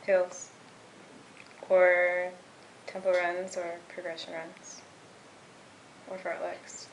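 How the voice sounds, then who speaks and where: A woman of 21 answers in short, terse bursts. Her voice is flat in pitch with a gravelly rasp. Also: very slow, a little hiss or hum, poor audio. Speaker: college cross-country runner. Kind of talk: casual interview answers.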